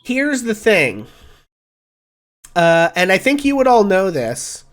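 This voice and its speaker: Male game master, fairly high voice, conversational and explanatory, casual tabletop narration. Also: big pitch swings, slow pace.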